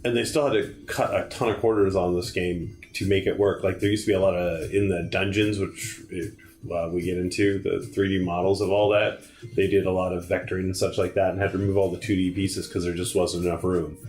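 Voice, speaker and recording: A man's voice: low voice, little pitch movement, fairly quick, a little mellow. A man co-hosting a let's play, giving rambling, self-correcting game trivia in casual chat.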